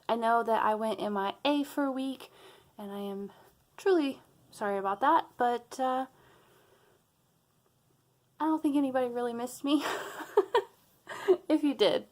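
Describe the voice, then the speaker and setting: A woman's voice: a little high, steady tone, normal speed, long pauses. A young adult woman vlogger, out of breath, chatting casually to her viewers and laughing between sentences. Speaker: planner vlogger. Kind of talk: casual chat to camera.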